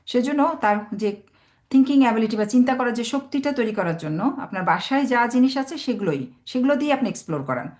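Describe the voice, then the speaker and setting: A woman teacher hosting an online webinar for parents, explaining patiently step by step and sounding out words slowly. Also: a little high, expressive, a little mellow.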